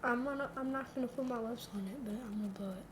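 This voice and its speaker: Teasing woman bossing her friend around on a build, higher voice, noisy recording. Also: fast talker. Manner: teasing, bossy instructions. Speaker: friend helping. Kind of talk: casual chat.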